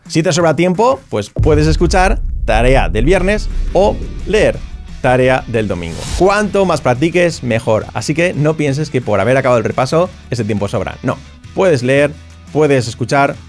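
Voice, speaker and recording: A man whose first language is Spanish, teaching an English lesson and slowly repeating English words for his learners to copy. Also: medium pitch, sing-song, soft background music. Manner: slow, emphatic repetition of English words.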